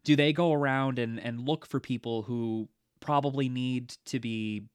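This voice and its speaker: A man's voice: mid-range voice, fairly even intonation, a little slow, smooth, no echo. A man co-hosting a podcast, chatting casually about a film, with lots of fillers and frequent laughter. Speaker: podcast co-host. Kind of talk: casual movie discussion.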